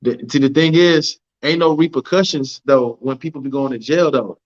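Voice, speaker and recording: A man with a medium-pitched voice at normal speed hosts a casual livestream, chatting with a guest and reading out viewer comments. He often asks "you know what I'm saying." The audio is dull.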